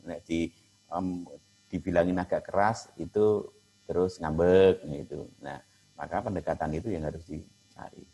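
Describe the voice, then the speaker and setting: Deep husky male lecturer. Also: moderate pace, long pauses, dark tone, soft background music, low-quality recording. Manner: addresses audience as Bapak dan Ibu, many fillers. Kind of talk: lecture on cooperative management.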